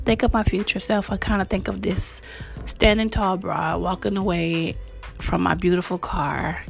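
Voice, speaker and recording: A woman's voice: mid-range voice, gravelly. A woman hosting a podcast in casual motivational chat, teasing her co-worker and laughing often, speaking. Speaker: podcast host.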